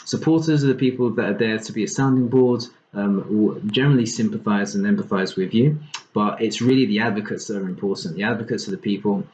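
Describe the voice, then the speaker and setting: A man calmly explaining his experiences in an interview. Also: on the low side, fast talker. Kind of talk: interview testimony. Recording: slightly muffled recording with faint hiss.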